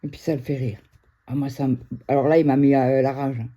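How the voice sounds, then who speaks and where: A middle-aged woman from France chatting casually to viewers at home, excitable and quick to raise her voice. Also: a bass voice. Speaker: craft vlogger. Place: indoors at home.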